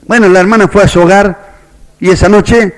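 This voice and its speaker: A man's voice: high-pitched, steady tone, moderate pace. A man with a Rioplatense Spanish accent preaching a sermon as a pastor, telling a story and quoting its characters. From Argentina.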